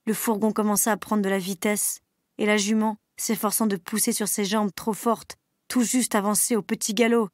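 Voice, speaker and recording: Woman, teacher, reading a novel aloud, steady narration, mid pitch, dry recording. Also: moderate pace, no room sound.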